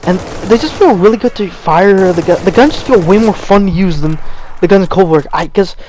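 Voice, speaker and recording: A man's voice: sits high, a little fast, darkish tone, slight background noise. A young man giving a rambling, unscripted rant as a gaming channel host, stammering and restarting as he talks while feeling cold. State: cold, stuttering. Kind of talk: unscripted gameplay commentary rant.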